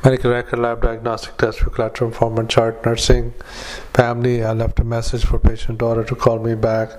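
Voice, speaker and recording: Man dictating into a dictaphone, monotone. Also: mid-range voice. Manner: halting, many pauses and fillers, reads out punctuation. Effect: dictaphone recording. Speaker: physician dictating a patient note. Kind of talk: medical dictation into a recorder.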